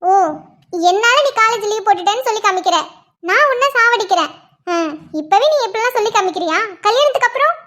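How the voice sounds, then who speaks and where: A woman's voice: very high-pitched, animated, quick pace, a bit bright, a little hiss or hum. A nagging young cartoon girlfriend. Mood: teasing complaint. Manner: twists every reply into a complaint. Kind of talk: cartoon voice acting.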